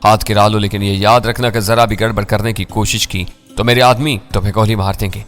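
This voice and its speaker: A man voicing a menacing crime boss who speaks in a cold, low, quiet tone. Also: fairly even intonation, faint music behind, natural voice. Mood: coldly menacing.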